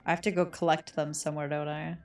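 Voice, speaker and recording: A woman's voice: deep voice, flat delivery, quick pace, far from the mic. A woman streaming a video game in casual chat, her mic sounding tinny and echoing as if inside a tin can. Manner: giggly, hums to herself. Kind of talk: casual chat while gaming. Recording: hollow mic from off-mic with game music.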